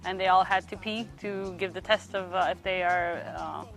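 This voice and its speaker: A young woman from Sweden, a youth worker giving reflective interview answers, pausing often to find her words. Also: lowish voice, fairly even intonation, faint music behind. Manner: thoughtful, pauses often to search for words.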